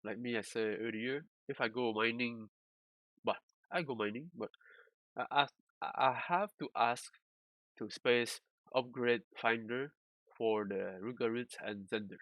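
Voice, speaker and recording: Casual male streamer, mid pitch, halting repeats, dry close sound. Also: steady tone, no room sound, lo-fi sound. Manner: halting, repeats words, loose non-standard English phrasing. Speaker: streamer explaining game data analysis. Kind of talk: casual live-stream walkthrough.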